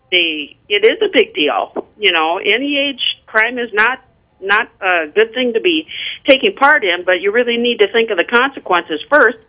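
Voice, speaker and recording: A caller on a clipped phone line, talking casually and hesitantly with many pauses and ums. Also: medium pitch, sharp tone. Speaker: call-in listener. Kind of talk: casual call-in comments.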